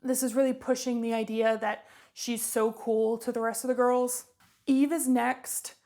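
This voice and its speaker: Creaky-voiced woman recapping a movie. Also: on the high side, little pitch movement, unhurried, mellow. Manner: chatty and offhand. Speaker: movie review vlogger.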